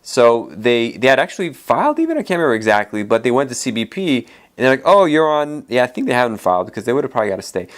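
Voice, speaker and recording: A man's voice: medium pitch, big pitch swings, very fast, hardly any pauses. A man who is an immigration attorney, hosting a solo podcast in a casual, rambling way with many fillers and restarts, his voice tired from a long day of talking.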